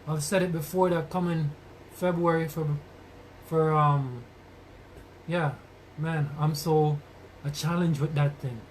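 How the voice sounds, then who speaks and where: A man's voice: a little high, fairly even intonation, takes it slowly, pauses often. A man hosting a casual live podcast in Rasta-style speech, greeting his community with blessings and repeating phrases for emphasis. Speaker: podcast host. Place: moving around while live streaming, away from the mic. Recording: noisy, distant live-stream sound.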